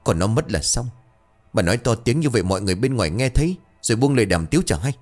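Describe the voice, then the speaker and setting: A man's voice: mid-range voice, expressive, quick pace, darkish tone, soft background music, natural voice. A man voicing a stern, skeptical middle-aged father who scolds and dismisses talk of ghosts, in a narrated ghost story. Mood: scolding.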